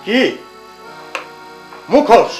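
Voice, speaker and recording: An actor playing an angry, strict schoolmaster father who shouts and refuses. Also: extremely slow. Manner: shouting, outraged. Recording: echoey room, faint music.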